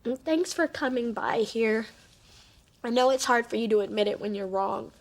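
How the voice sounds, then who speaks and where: Actress as a young woman pushing for independence, high bright voice, firm but gentle. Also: moderate pace, natural voice. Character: young woman asserting her independence from mom. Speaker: daughter. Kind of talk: sitcom acting.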